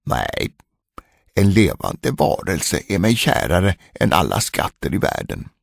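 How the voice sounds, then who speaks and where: Brief: male narrator voicing a greedy fairy-tale dwarf, husky and mocking, shrieky taunts. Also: deep voice, wildly swooping pitch, dry recording, studio quality, full character voice. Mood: sly. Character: spiteful little male dwarf, gleeful and greedy.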